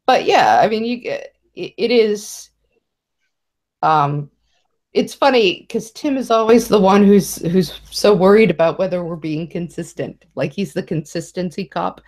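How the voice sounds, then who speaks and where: Woman guest, chatty and animated, laughs easily, casual conversation. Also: on the low side, a little slow.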